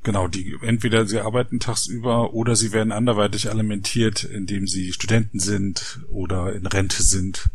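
A man hosting a casual podcast interview, talking in a relaxed, conversational way. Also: lowish voice, normal speed, few pauses, slight background noise. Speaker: podcast host.

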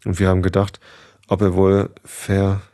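A man's voice: deep voice, monotone, moderate pace, warm tone, dry recording, studio quality, close to an everyday voice. A man voicing a scheming, gossipy female goose who speaks in insinuations in a storybook read-aloud. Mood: sly.

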